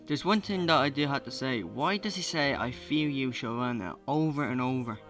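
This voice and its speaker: A man's voice: mid-range voice, moderate pace, loud music behind the voice. A young man giving a comedic movie recap, swearing and acting out the film's characters. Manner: swearing, jokey, acts out film characters. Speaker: video host.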